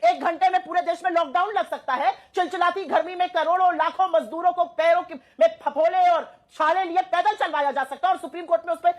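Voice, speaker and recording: A woman arguing forcefully in a TV debate, listing her points one after another. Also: extremely high pitch, fairly even intonation, brisk, few pauses. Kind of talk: TV debate argument.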